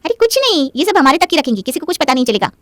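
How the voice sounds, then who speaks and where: A woman plays a loving middle-aged mother in a storybook drama, speaking with heartfelt warmth of feeling. Her voice sits a little high. The recording is dry and close. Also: expressive, racing, no echo. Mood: coaxing. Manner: heartfelt, speech-like.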